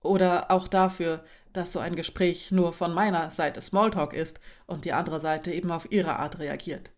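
Brief: talkative, upbeat female housemate, angular low voice, read by a woman narrator, audiobook. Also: fairly even intonation, normal speed, close to an everyday voice. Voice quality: somewhat angular voice. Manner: talkative, direct.

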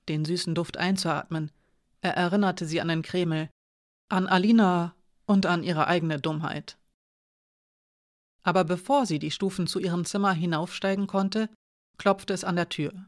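A narrator reading a novel aloud in a measured, even way. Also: mid-range voice, dry recording, clean studio sound. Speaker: audiobook narrator. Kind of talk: scripted narration.

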